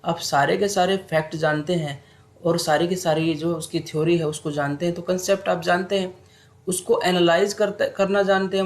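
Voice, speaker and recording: A young man teaching an exam-prep lesson online in a relaxed, unhurried way, mixing English terms into his talk. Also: high voice.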